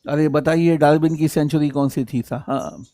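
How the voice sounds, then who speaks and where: A man teaching biology in an online live class, reading English definitions slowly and explaining them in Hindi, calling students 'sahab' and reading their names from the chat. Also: on the high side, steady tone, dark tone, no echo. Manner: addresses students as 'sahab' and 'bachchon', repeats key points.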